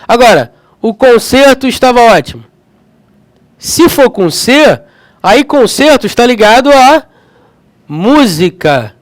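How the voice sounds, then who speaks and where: A man's voice: very high voice, very animated, slow, long pauses, dry recording. A man with a Rio de Janeiro accent teaching a grammar lesson, chatty and checking in with his students often. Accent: Rio de Janeiro Portuguese. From Rio de Janeiro, Brazil. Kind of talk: lively classroom lesson.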